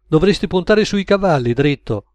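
A man's voice: on the high side, expressive, normal speed, a little mellow, no room sound, pitched above the performer's own voice, lightly acted. A man voicing a mocking, talkative male gangster in an audiobook, with a sneering, wisecracking manner. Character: tough male gangster hitman, mocking and chatty.

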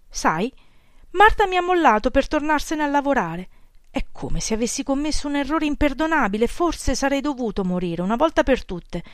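A woman's voice: high voice, no echo, clean studio sound, pitched above the performer's own voice. Woman reading as a lonely self-pitying old man. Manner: complaining, pleading.

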